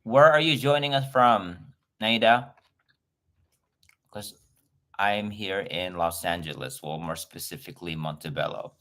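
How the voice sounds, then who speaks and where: Greeting his viewers warmly on a casual livestream, a host from the Philippines who speaks Filipino as his first language talks from home in Los Angeles. He is chatty and effusive, with a lowish voice and a bright, forceful tone.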